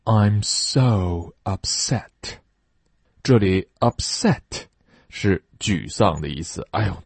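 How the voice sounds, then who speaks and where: Husky deep-voiced man teaching pronunciation. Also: darkish tone, no room sound. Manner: slow drawn-out model phrases between brisk explanations. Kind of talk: online English lesson with repeat-after-me drills.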